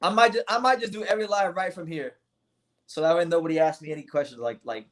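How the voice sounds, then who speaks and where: A young man from South Florida hosting a casual livestream, talking in an animated way with lots of restarts and swearing. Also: a little high, quick pace. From South Florida, USA. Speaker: livestream host. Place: home, sitting on a beanbag chair.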